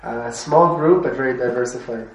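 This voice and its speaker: Speaking at medium pitch and a normal pace, this Montreal man teaches a casual class, asking his students questions and laughing a lot. It's recorded from a distance in an echoey room with some faint noise.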